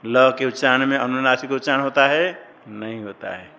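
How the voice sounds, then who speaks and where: शिक्षक पुरुष, गूंजते हॉल में व्याख्यान. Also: male voice, medium pitch, moderate pace, gravelly, sharp tone. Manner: explains by asking and answering his own questions, has students recite. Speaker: Sanskrit grammar teacher. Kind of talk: classroom lecture. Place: classroom with students. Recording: long hall reverb.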